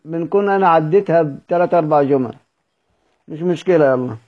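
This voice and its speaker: High-voiced Egyptian man teaching recitation. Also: highs cut off. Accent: Egyptian Arabic. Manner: explains slowly, repeats example words drawn out. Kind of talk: online lesson on recitation rules.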